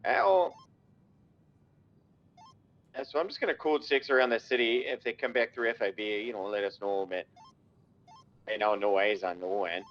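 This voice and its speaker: A man playing a police officer and speaking over a police radio, terse and full of codes with hesitant pauses. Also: lowish voice, muffled recording, a little hiss or hum. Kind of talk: roleplay radio chatter.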